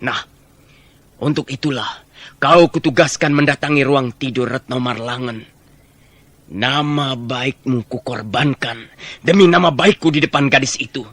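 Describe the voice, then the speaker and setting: An actor playing a scheming, stern royal minister who speaks in a commanding, measured way in a radio drama. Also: male voice, medium pitch, a bit bright, dry recording. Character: scheming middle-aged male minister, stern, calculating.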